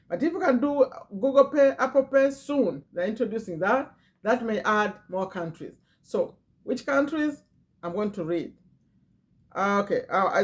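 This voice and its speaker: In a mid-range, slightly mellow voice, a middle-aged woman with non-native English reads a list aloud and repeats phrases. She is a business owner and channel host in Virginia, USA, addressing the camera in a casual way.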